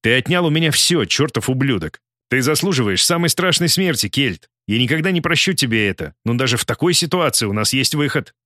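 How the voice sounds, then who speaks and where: A man's voice: medium pitch, lively intonation, fairly quick, hardly any pauses, bright, forceful tone, dry recording, clean studio sound. A man voicing a determined male hero in an audiobook, speaking firmly and commandingly. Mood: tense. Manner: firm, commanding.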